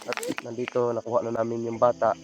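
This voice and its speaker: A man's voice: mid-range voice, monotone, quick pace. A man vlogging outdoors at night, thanking his viewers with heartfelt gratitude and calling them buddies. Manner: grateful, addresses viewers as buddies, warm thanks. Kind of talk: emotional vlog talk to viewers.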